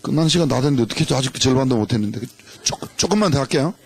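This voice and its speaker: Husky lively pastor preaching. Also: male voice, medium pitch, racing. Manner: playful, teasing the congregation with a game. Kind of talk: sermon. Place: church sanctuary.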